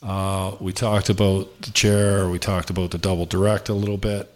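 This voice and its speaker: A man's voice: low-pitched, flat delivery, normal speed. A man with a Canadian accent hosting a casual political interview in an informal, joking way. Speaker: interview host.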